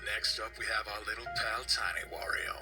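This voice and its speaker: A man with a very low voice narrates in a breathy, mock-sultry whisper, keeping a deadpan tone. Loud music plays behind his voice-over. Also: normal speed. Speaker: video narrator. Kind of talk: mock-seductive whispered countdown. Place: home.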